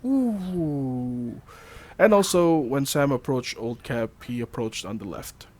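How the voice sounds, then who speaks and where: A man's voice: medium pitch, big pitch swings, moderate pace. A man hosting a casual chat, reading trivia notes loosely with fillers, laughs and the odd swear. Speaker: podcast host.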